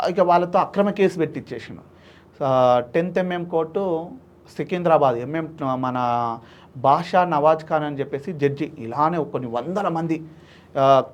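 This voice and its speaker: High-voiced man telling his story. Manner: animated, acts out quoted voices. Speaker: social activist guest. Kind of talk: emotional interview storytelling.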